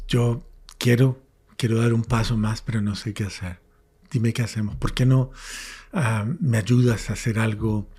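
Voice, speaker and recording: A priest, an older man, earnestly telling his life testimony in an interview and dropping to a hush when recalling his prayers. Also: mid-range voice, slightly rough. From Colombia. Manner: earnest storyteller, drops to hushed whispers when recalling prayers.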